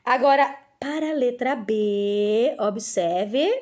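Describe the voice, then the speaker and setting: A woman teacher with a bright, fairly high voice walks her pupils patiently through a lesson. She often poses questions and then answers them herself, one step at a time. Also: takes it slowly. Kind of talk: recorded remote lesson.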